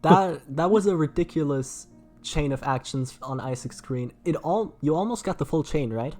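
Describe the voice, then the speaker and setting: A playful, teasing commentator hosts a live speedrun race and reads messages from chat. The voice sits at a middle pitch, with faint music in the background. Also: expressive, moderate pace, darkish tone.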